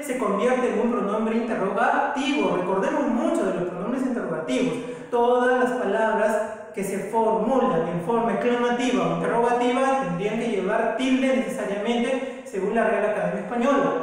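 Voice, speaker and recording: A woman from South America teaching a recorded grammar lesson, explaining patiently, repeating examples and checking in with the listener. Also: fairly high pitch. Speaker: language teacher. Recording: echoey room with long reverb.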